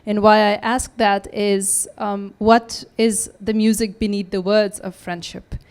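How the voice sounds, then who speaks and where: A woman's voice: mid-range voice, flat delivery, unhurried, darkish tone, clear, resonant tone. A woman from Afghanistan, in the audience, asking the panel a question politely and hesitantly.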